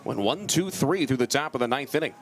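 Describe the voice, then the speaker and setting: A man's voice: mid-range voice, expressive, brisk, a little hiss or hum. A man giving live baseball commentary as a play-by-play broadcaster at an outdoor ballpark.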